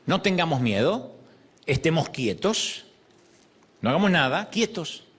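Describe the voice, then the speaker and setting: A man's voice: on the high side, big pitch swings, unhurried, a bit bright, slightly rough. A middle-aged man preaching a sermon, acting out prayers and quoted voices. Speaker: pastor.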